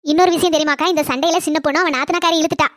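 A woman's voice: high voice, steady tone, rapid-fire, dry recording, clean studio sound, natural voice. A woman voicing a nosy neighbor in a cartoon who eagerly spreads street gossip, with a Kanyakumari Tamil accent. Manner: breathless, eager storytelling gossip. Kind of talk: cartoon comedy dialogue.

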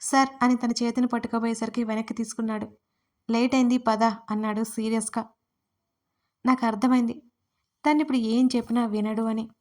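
A woman narrating a romance story in first person, in a lively, emotional storytelling manner with acted dialogue. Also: a little high, fairly quick. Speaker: writer and narrator of audio stories.

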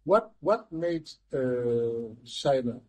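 An older man speaking as an economist guest in a studio interview, measured and restarting his words often. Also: mid-range voice, big pitch swings, darkish tone, poor audio. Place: TV studio, seated in armchair.

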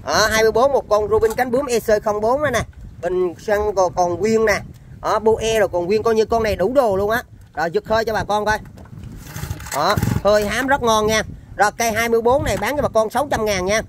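High-pitched Southern Vietnamese man selling machinery. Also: fairly quick, background noise. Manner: repetitive, chatty hands-on patter. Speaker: seller of used machinery. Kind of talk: informal live sales demonstration.

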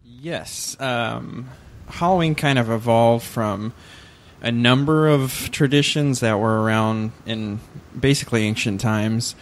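A man's voice: mid-range voice, slow. A man on a casual podcast recounting what he researched, hesitant and often correcting himself with fillers. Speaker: podcast co-host.

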